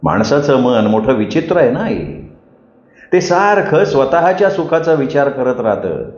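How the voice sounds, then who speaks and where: A man voicing a gentle young wanderer who speaks softly, patiently and reassuringly, in a roomy, dull recording. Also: a little high, very animated, a little slow. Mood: calm.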